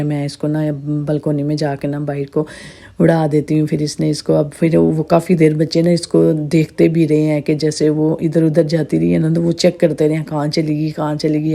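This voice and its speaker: Woman doing a chatty vlog voiceover, bit hoarse, low and mellow voice. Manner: chatty, rambling storytelling. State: sore throat, slightly hoarse. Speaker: vlogger narrating her day. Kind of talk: casual voice-over narration.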